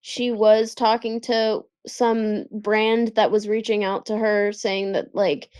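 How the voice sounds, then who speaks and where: A woman's voice: medium pitch, little pitch movement, takes it slowly, a little mellow, smooth, dry recording. A woman co-hosting a casual podcast chat, telling gossip with lots of fillers. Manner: chatty, filler-heavy retelling of gossip.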